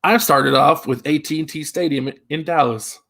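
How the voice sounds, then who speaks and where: A man with a slightly higher voice co-hosts a casual sports chat. He delivers dry, joking asides in an easy conversational tone. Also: moderate pace, vocal fry, a bit bright. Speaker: podcast co-host.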